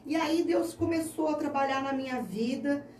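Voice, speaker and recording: A woman's voice: high voice, normal speed, darkish tone. Earnest Brazilian woman, distant and echoey. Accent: Brazilian Portuguese. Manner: earnest, heartfelt storytelling. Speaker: interview guest. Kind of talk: personal faith testimony. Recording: echoey room, distant mic, faint noise.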